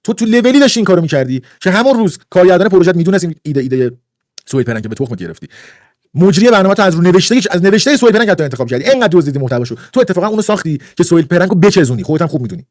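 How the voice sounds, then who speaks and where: A man's voice: sits high, very animated, a little mellow, no room sound, studio quality. A man ranting indignantly on a livestream, lecturing and repeating his points for emphasis. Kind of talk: heated livestream rant.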